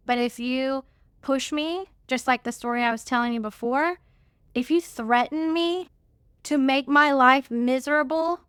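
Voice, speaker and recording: A woman's voice: high-pitched, a bit bright, smooth, no room sound, studio quality. A woman, a hair and makeup artist, telling a candid story about standing up for herself on set, frank and emphatic in her delivery. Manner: frank and emphatic, speeds up when recounting events. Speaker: hair and makeup artist sharing career advice.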